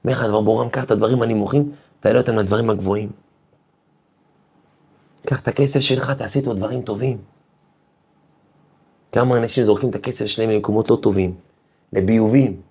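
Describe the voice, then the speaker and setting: Gravelly-voiced rabbi teaching with fervor. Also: male voice, fairly low pitch, fairly even intonation, pauses often, warm tone. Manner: emphatic, asks the listeners rhetorical questions; tells stories with passion, rising to fervent peaks. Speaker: rabbi teaching a weekly class. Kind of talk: Torah lesson with sermon-like exhortation.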